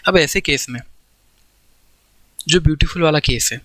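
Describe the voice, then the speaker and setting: In a low-quality recording with no room sound, a man with a fairly high, sharp-toned voice talks at normal speed. His classroom grammar lecture uses examples, goes step by step, and often checks that students follow by asking "theek hai".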